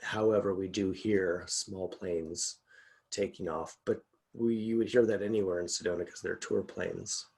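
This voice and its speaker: Man, husky low voice, rambling chatty talk, video call from home. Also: fairly even intonation, normal speed, a little mellow. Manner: chatty, rambling, laughs often. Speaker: guest executive coach. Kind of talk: casual video-call conversation.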